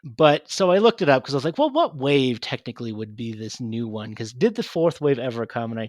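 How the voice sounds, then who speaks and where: Male podcast co-host, mid pitch, loose rambling delivery, dry sound. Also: sing-song, a little fast, a little mellow, no echo. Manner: rambling, many restarts and fillers. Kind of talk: casual chat.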